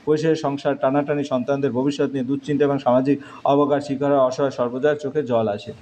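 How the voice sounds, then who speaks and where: A male teacher with a warm, mid-range voice speaks fast and levelly, walking through exam answers in short, clipped phrases. The lesson is captured in a dull lo-fi recording with faint noise.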